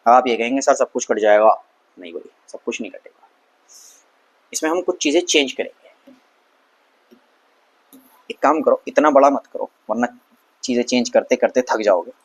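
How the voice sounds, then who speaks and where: A man teaching a science lesson in a relaxed, chatty way, asking questions aloud and answering them himself, and reading English lines slowly. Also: medium pitch, husky. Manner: conversational, asks and answers his own questions; mixes English terms and reads English text slowly. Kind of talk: casual Hindi science lesson.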